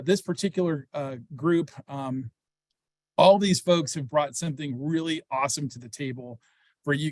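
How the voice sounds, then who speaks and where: A man's voice: a little high, dry recording. Upbeat man hosting a webinar. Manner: fast, upbeat, many fillers. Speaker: program host. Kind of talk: webinar presentation.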